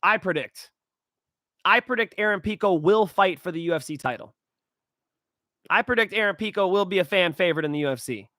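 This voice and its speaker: A young man runs through his fight predictions in a loose, rambling monologue, full of swearing and sudden bursts of excitement. His voice sits high and sounds bright and forceful. The recording is dry and close, with no room sound. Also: brisk, long pauses, dry recording. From California. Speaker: host.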